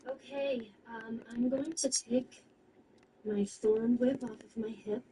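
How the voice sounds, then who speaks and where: A woman's voice: a little high, fairly even intonation, slow, warm tone. A woman playing in a tabletop game, speaking casually and hesitantly with many fillers. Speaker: player. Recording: distant mic, faint noise.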